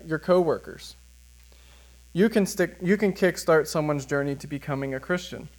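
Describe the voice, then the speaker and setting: Young american guy preaching his testimony, kinda high voice, plain and earnest. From United States. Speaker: first-time preacher. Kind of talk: sermon with personal testimony.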